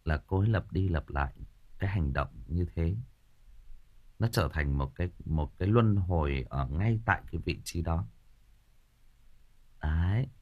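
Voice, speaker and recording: A man with a low, husky voice hosts an audiobook livestream, chatting casually and jokingly with listeners. He rambles, stumbles over repeated filler words, and laughs at his own stories. The audio is dull.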